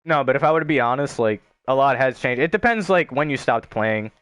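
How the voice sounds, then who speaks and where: A man's voice: mid-range voice, animated, fairly quick, a bit bright, clean tone, dry recording. A young man chatting casually on a gaming stream, rambling and swearing with lots of filler words.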